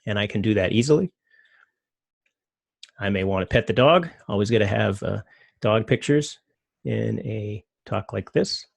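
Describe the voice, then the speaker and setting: A middle-aged man talks through his slides in a loose, rambling way, with plenty of fillers. His voice sits low and carries a gravelly edge. The recording is dry and close, with no room sound. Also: lively intonation, a little slow, long pauses, no echo. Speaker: presenter. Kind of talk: casual talk with slides.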